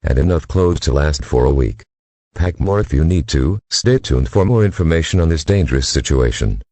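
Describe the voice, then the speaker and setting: A man with an extremely low, warm, husky voice reads formal emergency alert announcements at a normal speed. His delivery is stiff and official, like a scripted public warning, yet animated, with noticeable pitch swings.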